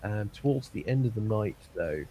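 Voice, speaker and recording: A man running a tabletop game as dungeon master, describing the scene haltingly with many ums and uhs. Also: lowish voice, expressive, warm tone, a little hiss or hum.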